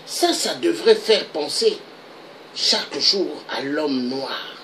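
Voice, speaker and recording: Man, political video monologue, unhurried, animated declamatory delivery. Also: a little high, slight background noise, poor audio. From Republic of the Congo. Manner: declamatory, with repeated rhetorical questions.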